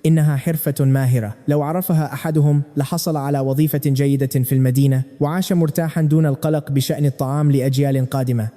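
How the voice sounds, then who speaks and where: Fast, dark-voiced man narrating a recap. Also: a little high, big-room sound. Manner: brisk, storytelling.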